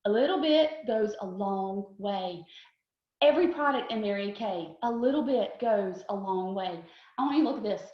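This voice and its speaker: A woman in her forties gives an upbeat, chatty product demonstration, pitched a little high. She talks straight to her viewers and asks them to repeat after her. The sound is roomy and slightly dull. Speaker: beauty consultant presenter.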